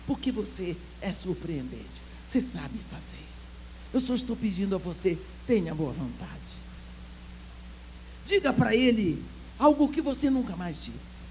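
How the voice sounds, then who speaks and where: Heard through poor audio with a little hiss or hum, an older woman with a mid-range voice addresses a church women's conference. Her heartfelt personal story swings from soft near-whispers to emphatic exhortation.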